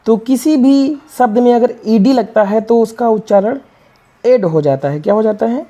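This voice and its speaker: A woman with a somewhat high, warm, mellow voice teaches English reading. She spells each word letter by letter and asks questions that she answers herself. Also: moderate pace. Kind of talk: classroom-style reading lesson.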